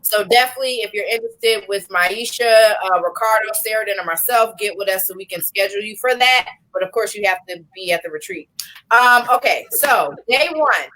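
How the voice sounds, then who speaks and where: A woman co-hosting a casual livestream chat, presenting a retreat schedule in a relaxed, joking way. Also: medium pitch, a little fast, rough recording.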